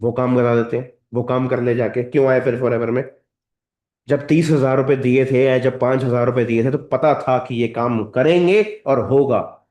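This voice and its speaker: A man's voice: mid-range voice, a little mellow. Man giving a rousing training talk. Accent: Indian. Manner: direct, lecturing, addresses audience as sir and madam. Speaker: motivational trainer. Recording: roomy echoey hall.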